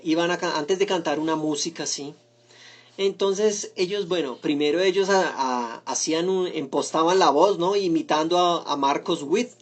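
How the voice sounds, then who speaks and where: A male pastor with a mixed accent delivers a relaxed, conversational sermon. He poses rhetorical questions, restarts his sentences and tags them with a questioning "¿no?", warmly addressing his congregation as brothers. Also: on the high side.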